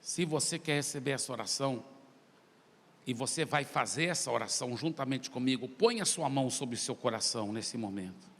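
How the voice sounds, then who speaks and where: A man's voice: mid-range voice, lively intonation, brisk, fairly bright tone. A male pastor preaching a sermon, telling his story animatedly and acting out the dialogues. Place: church sanctuary. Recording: long church hall reverb.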